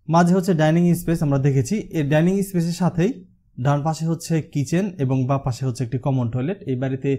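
A man's voice: on the high side, mellow. A man from Bangladesh, a house designer, walking viewers through a house plan, with a verbal filler he uses again and again. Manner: walkthrough explanation with the filler হচ্ছে used often. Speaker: house designer presenting his channel. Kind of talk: explaining a house design over a 3D model.

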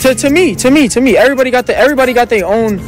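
Out in a city park with people around, an interviewer holds a phone at chest level while a man in his 20s, a rapper and comedian, races through brash, repetitive slang over music. He has a high-pitched voice and talks animatedly with his hands in this casual street interview.

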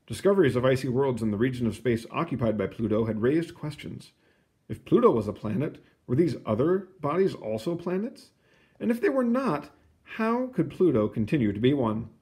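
A man with a mid-range voice reads a picture book aloud to children. He reads expressively, explaining as he goes and dropping in casual asides.

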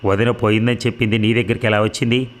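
A man reading the lines of a blunt, hot-tempered elder brother who works as a schoolteacher, in a low voice. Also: little pitch movement, fast, close to an everyday voice. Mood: warm, brotherly. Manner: blunt, scolding.

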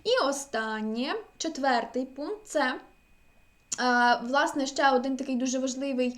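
A woman language teacher giving an online exam-prep lecture, energetic and often checking in with her students. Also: high-pitched, normal speed.

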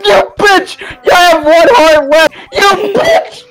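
A man's voice: extremely high pitch, lively intonation, slow, a bit bright, a little hiss or hum, rough recording. A young man gaming with friends in a panicking manner, screaming and swearing. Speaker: gamer. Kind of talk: casual gaming chat with friends.

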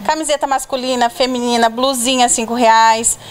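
A woman in her thirties with a Brazilian Portuguese accent, a charity volunteer, is interviewed on camera at an indoor bazaar via a reporter's handheld mic. Her slightly high voice has fairly even intonation, a moderate pace and a clean tone as she plainly lists details.

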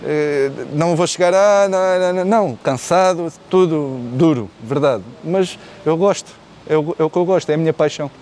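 Speaking at a moderate pace with a fairly high, darkish voice, this rally rider from Portugal, a man in his forties, is being interviewed in an outdoor courtyard with artificial grass. A little hiss or hum sits under the recording. Earnest and Portuguese-accented, he repeats words and starts over as he searches for what to say.

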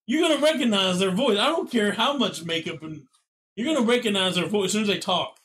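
A man co-hosting a casual gaming podcast, chatting with friends in an animated, joking way and often restarting his sentences. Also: sits high, brisk, a little hiss or hum. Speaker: podcast co-host. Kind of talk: casual chat.

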